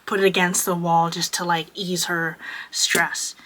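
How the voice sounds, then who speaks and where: A young woman voicing a calm male landlord who speaks mildly and matter-of-factly. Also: high voice, unhurried, rough recording.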